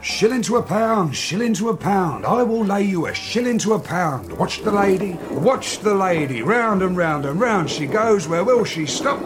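A man's voice: high-pitched, lively intonation, normal speed, few pauses, music in the background. An actor playing a sly male street trickster running a cups game, teasing and full of patter.

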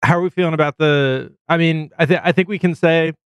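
Male co-host, smooth clear voice, relaxed banter, dry close sound. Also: a little high, fast talker, dry recording. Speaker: podcast co-host. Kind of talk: casual banter.

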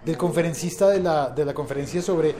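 A man's voice: fairly high pitch, a little fast, dark tone, slight background noise. A man hosting a casual podcast, chatting and telling stories with many restarts and hesitations. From not from Mexico. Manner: rambling, frequent restarts and hesitations, playful storytelling. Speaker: podcast host.

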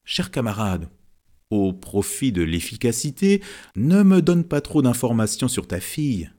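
A man's voice: mid-range voice, sing-song, measured pace, mellow. A man voicing a confident older fortune teller who reads characters, in an audiobook. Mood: wry. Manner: confident, lecturing.

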